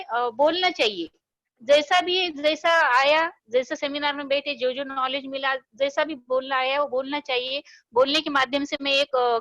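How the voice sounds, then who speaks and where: High-voiced Marathi woman telling a story. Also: a bit bright, no echo. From Maharashtra, India. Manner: hesitant, many fillers and restarts. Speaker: speaker at a business meeting. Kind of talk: motivational talk with a story.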